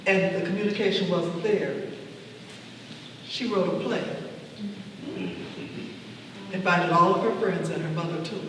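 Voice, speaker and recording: An older woman sharing a personal anecdote at a community discussion, halting and deliberate, often repeating her phrases. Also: lowish voice. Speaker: audience participant sharing advice. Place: large reverberant room at a public discussion. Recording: very echoey noisy hall, distant mic.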